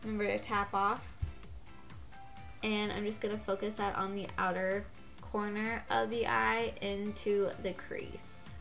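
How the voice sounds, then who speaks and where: A woman's voice: medium pitch, little pitch movement, unhurried, creaky, fairly bright tone, faint music behind. A congested woman with a cold giving a chatty makeup tutorial, gushing and getting out of breath. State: gets out of breath. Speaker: beauty vlogger.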